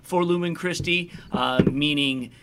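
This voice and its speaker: A man hosting a casual high school football talk show, chatty and rambling with quick asides. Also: very noisy. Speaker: sports talk show host.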